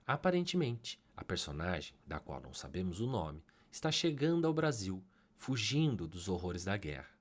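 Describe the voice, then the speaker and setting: This low-pitched, very animated man has a Brazilian Portuguese accent. He delivers scripted literary analysis in a measured, scholarly way, lifting his emphasis whenever a key idea comes up.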